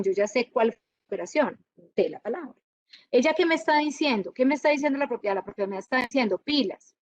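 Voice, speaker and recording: High-voiced woman lecturing a class. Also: no echo, highs cut off. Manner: lively, checks often with students. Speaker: university lecturer.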